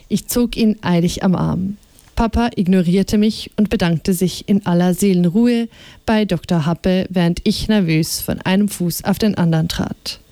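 A woman reading a children's book aloud in a clear, even storytelling manner. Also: medium pitch, no room sound. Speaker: reader.

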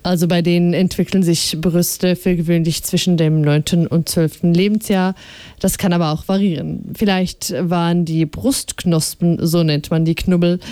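A woman's voice: lowish voice, dark tone, clear, resonant tone, no echo, lightly acted. A woman reading aloud and voicing a big, friendly male pediatrician who explains things in a soothing way. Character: big, calm, kindly male children's doctor.

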